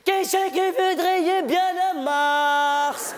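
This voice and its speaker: A man's voice: very high-pitched, fairly even intonation, drawn-out words, pitched above the performer's own voice, full character voice. A man voicing an urgent mother calling out to her children in a punchy stand-up comedy routine. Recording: noisy live stage recording with crowd.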